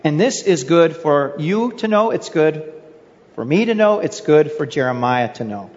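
A man's voice: a little high, expressive, normal speed, darkish tone, in a large hall, highs cut off. A male pastor preaching a sermon in an earnest way, asking his listeners rhetorical questions. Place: church sanctuary.

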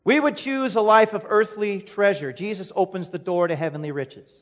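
A man preaches a sermon in an emphatic way, asking rhetorical questions and returning to a refrain. His voice is high for a man. The sound echoes with a long reverb through a dull, lo-fi recording. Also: normal speed. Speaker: pastor.

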